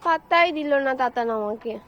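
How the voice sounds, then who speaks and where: Mom cooing baby talk at her toddler, super high voice, all over the place. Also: animated, brisk, a bit bright, dull audio. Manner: sing-song coaxing baby talk. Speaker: mother talking to her toddler. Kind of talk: home video baby talk.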